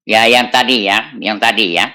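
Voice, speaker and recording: A man's voice: fairly low pitch, moderate pace, sharp tone. Insistent man pressing his questions. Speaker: debater. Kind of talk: heated online debate. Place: online voice chat room.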